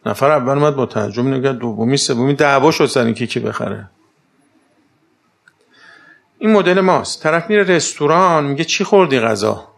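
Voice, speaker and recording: Gravelly man lecturing with rhetorical questions. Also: medium pitch, pauses often. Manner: rhetorical questions and lively anecdotes. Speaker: speaker giving a talk. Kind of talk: conversational lecture.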